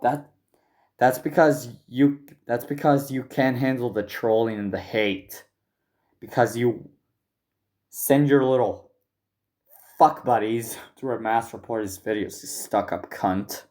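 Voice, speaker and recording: Male commentary ranter, slow, profane, halting. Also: mid-range voice, a little mellow, echoey room. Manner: angry, profane, halting with restarts. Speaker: commentary youtuber. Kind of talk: ranting commentary.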